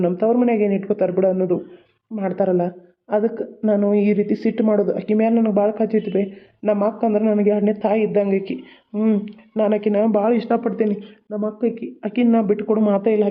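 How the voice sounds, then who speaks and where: Fast-talking cartoon voice. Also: medium pitch. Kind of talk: dialect cartoon voice acting. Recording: tinny phone-like recording.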